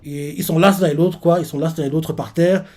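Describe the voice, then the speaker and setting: A man hosting a live reaction stream, recapping a manga chapter panel by panel. He rambles and leans on fillers as he goes, in a voice that sits a little high for a man. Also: fairly even intonation, fast talker, mellow. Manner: rambling, filler-heavy retelling.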